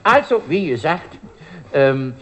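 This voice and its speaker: A man's voice: a little high, sing-song, slow, bright, forceful tone. An older man, a musician telling anecdotes as a guest, chuckling often and talking with many fillers.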